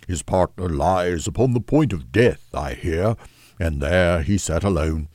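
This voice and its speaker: A contented husband chats easily in a deep, dark, mellow voice, a shade lower than the narration, as a male reader puts him on. He sounds homely and unhurried. The recording is close and dry. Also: no echo. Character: genial, contented middle-aged husband. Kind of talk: audiobook character voice.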